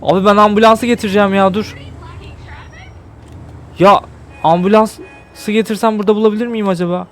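A man's voice: high-pitched, fairly even intonation, brisk, pauses often. A man giving casual gameplay commentary, pleading and apologizing to a game character. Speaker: gameplay streamer.

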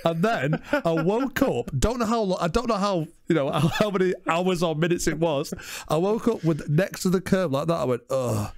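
A man co-hosting a podcast, his voice sitting a little high, telling rambling stories with frequent laughs. The sound is dry and close, with little room around it. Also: animated, normal speed, dry recording. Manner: rambling storyteller, laughs often. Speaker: podcast co-host. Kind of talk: casual chat.

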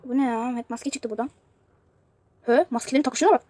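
High-pitched woman rattling through a game video, kinda breathy, gets fed up a lot. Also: fast, warm tone, dry recording. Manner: chatty, exasperated exclamations. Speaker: youtuber showing a mobile game. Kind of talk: casual gameplay commentary.

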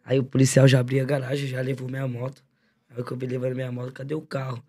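A man as a podcast guest, chatting casually with quick, laid-back interjections, a bit far from the mic. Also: medium pitch, monotone, a little mellow, husky. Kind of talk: casual chat.

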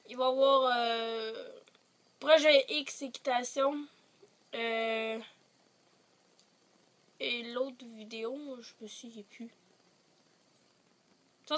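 This high, fairly bright voice belongs to a teenage girl from Quebec who speaks French-accented, a little congested by a cold. Perched on her bed, she rambles and hesitates often while chatting to her device camera from close by, vlog-style.

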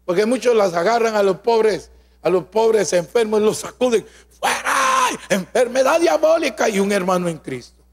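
A man preaching a sermon at a convention, fervent and storytelling, calling out to his listeners and at times bursting into shouts. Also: sits high, normal speed. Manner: fervent, tells healing stories, calls out "amén" and "hermano". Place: large hall at a preaching convention. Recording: long hall reverb.

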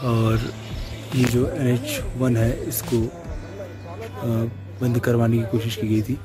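A man giving an unscripted outdoor explanation, pointing out the view and pausing often on fillers. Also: mid-range voice, little pitch movement, music in the background. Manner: halting, many fillers, points things out.

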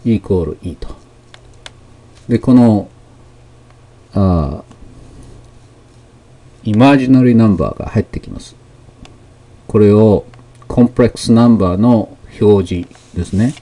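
Low, mellow-voiced male math teacher. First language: Japanese. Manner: slow, explanatory, with many fillers and pauses. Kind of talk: lecture explaining technical English terms.

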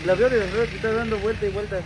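A man with a Mexican accent playing a blunt, teasing market stall clerk, recorded amid loud street traffic. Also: high voice, fairly even intonation, very fast, lightly acted.

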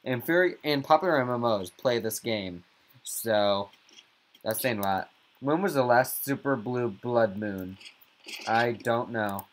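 A man giving casual, jokey gameplay commentary as a YouTuber, with sudden squeaky outbursts. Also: unhurried, slight background noise. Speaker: gaming YouTuber.

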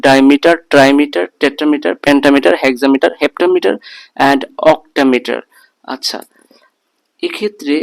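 A man's voice: a little high, low-quality recording. A young man teaching an English lesson, patiently repeating words and breaking them into syllables. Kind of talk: explanatory lesson.

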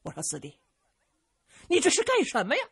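A woman voicing a calm, gentle male hero who speaks softly and soothingly. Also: sits high, fairly quick, husky, voice pushed up, exaggerated voice.

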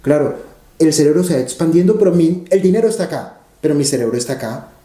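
A man's voice: a little high, lively intonation, fast, mellow, echoey room. A man, an interview guest telling stories animatedly and repeating phrases for emphasis. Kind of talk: conversational interview storytelling.

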